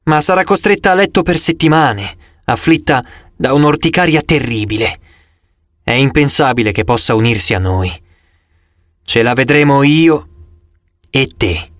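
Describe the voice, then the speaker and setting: A man voicing a stern young huntress leader with old-fashioned, measured speech in an audiobook. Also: medium pitch, animated, a bit bright, dry recording, lightly acted. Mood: firm.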